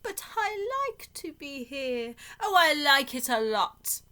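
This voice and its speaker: Woman putting on the bright, boastful Cat in the Hat. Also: high voice, sing-song, voice pushed up, exaggerated voice. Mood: stubborn, playful. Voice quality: bright, swooping. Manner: drawn-out, emphatic, showy delivery. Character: boastful, carefree showman cat, playful trickster, male.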